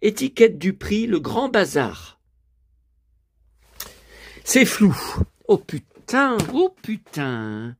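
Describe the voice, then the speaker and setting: A hoarse man talking to his viewers at home, showing off his finds as a collector. He rambles, grumbles, swears often and keeps addressing the audience. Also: high-pitched, sing-song, drawn-out words, pauses often. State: hoarse, voice worn out. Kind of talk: rambling vlog talk to viewers.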